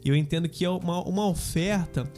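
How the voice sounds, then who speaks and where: A man with a Brazilian Portuguese accent, a podcast guest telling a personal faith story in a relaxed, slangy, casual way. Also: sits high, brisk, faint music behind. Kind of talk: casual testimony chat.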